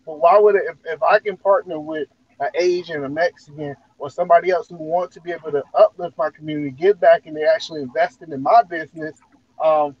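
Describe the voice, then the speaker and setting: A man's voice: a little high, steady tone, fast, dry recording. A man on a livestream panel, sounding muffled as if talking through a wall, with a loose, joking and rambling way of speaking. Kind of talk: casual panel debate. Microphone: poor microphone on a video call. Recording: muffled lo-fi remote mic.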